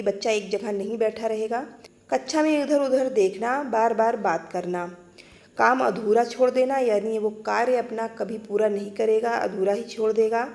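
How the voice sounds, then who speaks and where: A woman teacher explaining exam-prep material in a clear, patient way, restating each point. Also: on the high side, darkish tone.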